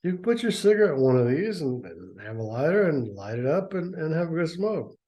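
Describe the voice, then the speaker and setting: A man with a fairly high, sing-song and warm voice reads a story aloud a little fast. He keeps breaking off into sarcastic, mocking asides and often stammers, making it a dramatic reading with sarcastic commentary.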